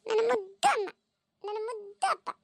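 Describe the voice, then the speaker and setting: A woman doing a very high, eager little schoolgirl. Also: fairly quick, gravelly, dry recording, studio quality, exaggerated voice. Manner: excited, pleading childlike talk. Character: cheerful young schoolgirl daughter, proud, eager. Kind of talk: family cartoon story voicing.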